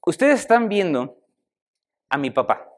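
His voice sits high and he takes his time. The young man preaches in a lively, conversational style, turning to the congregation with questions.

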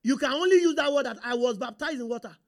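A man with a Nigerian accent and Yoruba as his first language talks fast in a fairly high voice while preaching. Through call-and-response and rhetorical questions, he keeps prompting the congregation to reply and confirm they're keeping up.

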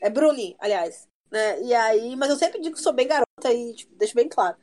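High-voiced mocking woman. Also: a little fast. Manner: mocking, lively storyteller. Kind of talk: casual chat about gaming.

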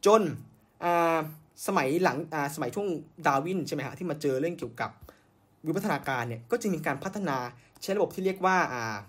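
A man's voice: on the high side, animated, a little fast, a bit bright. A man hosting a podcast, telling science history in a casual way, with many fillers and self-corrections. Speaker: podcast host.

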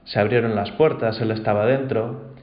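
Man, mindfulness teacher, calm storyteller, lowish voice, roomy slightly dull recording. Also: normal speed. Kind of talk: reflective spoken talk.

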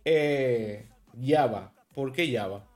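A man in his thirties from Santo Domingo with a Dominican accent, hosting a relaxed streamed interview and explaining local slang with a laugh. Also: medium pitch, drawn-out words. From Dominican Republic. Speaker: host.

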